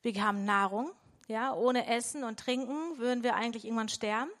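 A woman's voice: fairly high pitch, brisk, fairly bright tone. A woman preaching a devotional sermon in a conversational way, often checking in with her listeners.

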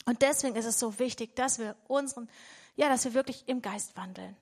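Woman preacher with a high voice, chatty devotional teaching that keeps checking in with the congregation. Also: a little fast, darkish tone. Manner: conversational, with frequent "ja?" checks to listeners. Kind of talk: devotional sermon.

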